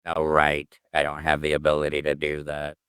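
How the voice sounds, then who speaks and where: A programmer streaming his coding work talks himself through it casually in an extremely deep, smooth, resonant voice with a fairly bright tone. He mutters, hums and trails off as he thinks aloud, speaking at normal speed with a completely flat delivery. The recording is dry and close, without room echo.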